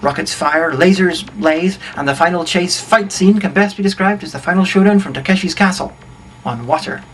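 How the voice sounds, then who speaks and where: A man with a high-sitting voice, speaking at normal speed, reads a scripted comedic plot recap in a dry, wry way as co-narrator of a comedy film review, with faint background noise behind him.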